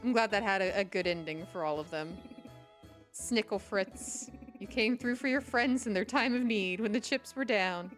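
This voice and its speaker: A woman livestreamer reading video game dialogue aloud in a playful, expressive way. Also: medium pitch, normal speed, soft background music.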